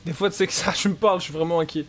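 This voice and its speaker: A man's voice: a little high, steady tone, rapid-fire. A young man streaming a survival game, cracking crude self-mocking jokes in casual banter.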